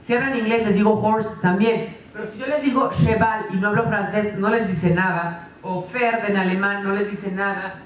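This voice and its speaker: A woman giving a lively, conversational conference talk, often adding tag questions. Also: mid-range voice, moderate pace, few pauses, a crowd in the background. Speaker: lecturer. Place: conference hall. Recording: echoey hall, distant mic.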